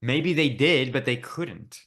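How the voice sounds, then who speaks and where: A man's voice: mid-range voice, animated, slow, a bit bright. A man from Buffalo, New York, co-hosting a podcast in casual chat, teasing and joking, with casual swearing. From Buffalo, New York, USA. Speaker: podcast co-host.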